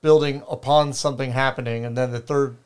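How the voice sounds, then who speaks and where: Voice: mid-range voice, brisk, clear, resonant tone. A co-host on a book podcast, chatting casually about a novel and hedging as they talk. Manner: relaxed, hedging, with frequent "like" and restarts.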